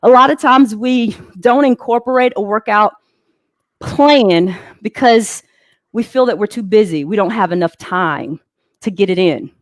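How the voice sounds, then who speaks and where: A woman's voice: mid-range voice, a little slow, dry recording. A woman fitness instructor leading a guided workout, calling out moves with upbeat encouragement. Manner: upbeat coaching cues with encouragement.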